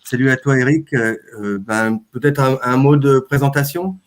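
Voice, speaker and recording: A man's voice: medium pitch, normal speed. A man hosting a live stream, chatting casually and hesitating often as he introduces his guests. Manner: hesitant, with frequent "euh" fillers.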